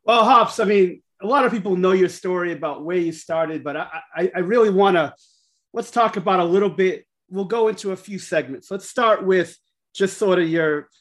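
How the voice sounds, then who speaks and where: Higher-voiced man, effusive casual chat. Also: normal speed, a bit bright. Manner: effusive, repeats and restarts phrases. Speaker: podcast co-host and basketball coach.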